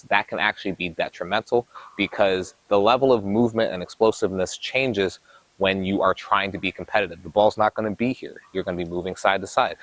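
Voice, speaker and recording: A man coaching tennis, explaining drills in an energetic, explanatory way while demonstrating on the court. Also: on the low side, no echo, rough recording. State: a little out of breath. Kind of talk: instructional coaching talk.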